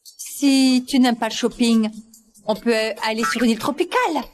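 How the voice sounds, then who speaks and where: A doting, wealthy grandmother, acted by a woman for a dubbed drama, with a fairly high voice. She fusses effusively and bosses her family around with loving insistence. There is slight noise on the recording. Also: normal speed, close to an everyday voice. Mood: eager, indulgent. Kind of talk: dubbed short-drama acting.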